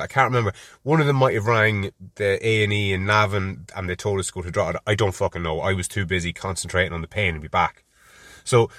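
A man's voice: deep voice, fairly bright tone, dry recording, clean studio sound. An Irish man in his thirties telling a personal story in a casual, rambling, wry way with a lot of swearing.

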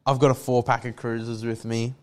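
A man's voice: medium pitch, little pitch movement, a little fast, a little mellow. A young man telling stories in casual, slangy, sweary, laddish chat. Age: young adult.

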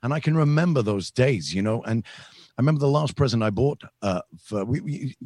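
A man's voice: medium pitch, animated, fairly quick, darkish tone, dry recording, studio quality, natural voice. A man playing a sleazy, self-regarding male showbiz entertainer in an improvised comedy interview, rambling with innuendo and stammered restarts. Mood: smarmy. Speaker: comedy character being interviewed.

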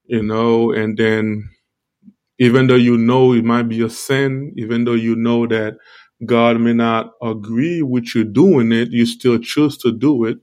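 Speaking around a painful tooth and gum, a preacher on a live stream delivers a loose, stop-start devotional talk full of repeated phrases. The voice sits at medium pitch, steady and somewhat dark, and his sore mouth and tongue-led articulation shift his speech a little.

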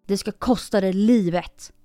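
A woman's voice: medium pitch, clean tone, dry recording, studio quality, faint music behind, lightly acted. A woman voicing a proud, harsh false bride in a storybook reading, speaking sharply. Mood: scolding. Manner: sharp, scolding.

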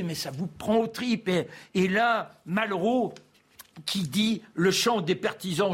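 A man telling a history story as a columnist on a TV debate show, lively and anecdotal, acting out the quotes. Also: high-pitched, breathy edge.

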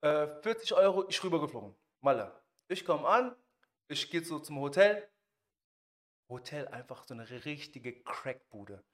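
A man's voice: on the high side, big pitch swings, measured pace, a bit bright. A young man hosting a podcast, telling a story in casual slangy chat and acting out the quotes. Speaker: podcast host.

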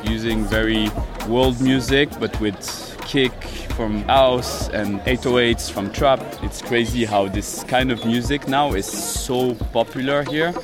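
A musician from Sierra Leone chatting in a relaxed, easygoing way outdoors by a river, with fillers. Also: male voice, mid-range voice, a little slow, hardly any pauses, over music. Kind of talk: casual chat.

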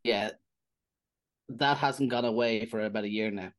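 A man, a comedian guest trading dry, deadpan jokes in casual chat. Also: lowish voice, moderate pace, low-quality recording. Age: 30s.

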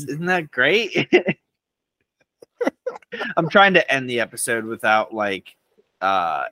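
A man co-hosting a casual podcast with a bright, sharp-edged voice. He talks in an animated, playful way and jokes around. The recording is dry and close. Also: mid-range voice, no room sound. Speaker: podcast co-host. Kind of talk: casual chat.

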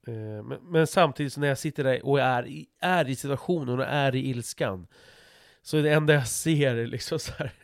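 A man's voice: medium pitch, creaky, no room sound, studio quality. A middle-aged man talking frankly in a casual conversation, swearing freely and restarting his sentences as he thinks aloud.

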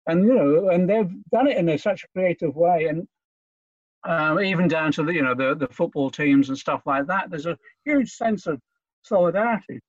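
A man from Liverpool, talking in a halting, earnest way as an interview guest, often repeating himself. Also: fairly high pitch, dry recording, muffled recording. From Liverpool, England. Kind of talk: conversational interview.

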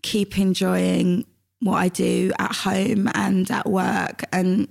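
A woman in her late thirties, a mother of three, chatting relaxed as a podcast guest. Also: medium pitch, takes it slowly, gravelly. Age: late 30s. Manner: relaxed, chatty, with frequent "um" and "you know". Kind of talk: casual interview chat.

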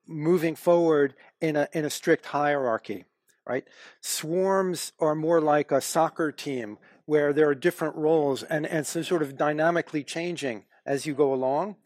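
A man speaking as an expert panelist, explaining slowly and haltingly with many restarts. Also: on the high side, a little mellow, dry recording. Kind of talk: expert discussion.

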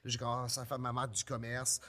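A pro wrestler from New Brunswick, Canada, with an Acadian French accent tells stories in casual chat, speaking quickly in a mid-range voice. He's an animated storyteller who acts out what people said to him.

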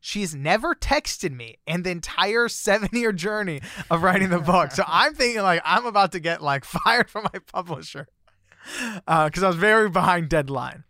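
A man whose voice sits high, speaking at normal speed, tells a personal story as a guest author in a casual, filler-laden way. He becomes excited when describing surprises. The recording is dry and studio quality.

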